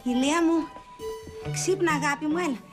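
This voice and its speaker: A woman's voice: high-pitched, natural voice. An actress playing a harried sitcom mother, coaxing and exasperated. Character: harried middle-aged sitcom mother, fussing. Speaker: mother of the household. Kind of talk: sitcom acting. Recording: loud music under dialogue.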